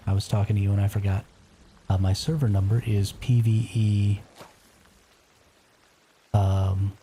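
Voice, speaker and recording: A man whispering quietly as he chats casually on a live gameplay stream. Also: fairly low pitch, slight background noise.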